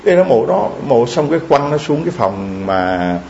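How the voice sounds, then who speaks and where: A man's voice: mid-range voice, big pitch swings, moderate pace, gravelly, darkish tone, slight background noise. A man preaching, retelling a story with strong emotion and stammered repeats. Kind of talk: moral storytelling in a sermon. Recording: dull lo-fi recording.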